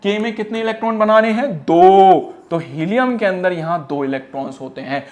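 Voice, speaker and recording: A man teaching an energetic one-shot lesson in a playful, teasing way. He fires quiz questions, answers them himself and stretches phrases into a singsong. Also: sits high, normal speed. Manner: drags words out in a singsong way.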